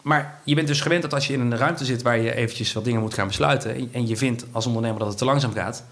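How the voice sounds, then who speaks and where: A man, an entrepreneur being interviewed, who talks quickly in halting phrases full of fillers and restarts. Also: medium pitch, fairly bright tone. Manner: fast, halting speech with many fillers and restarts. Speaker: entrepreneur guest. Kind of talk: conversational interview.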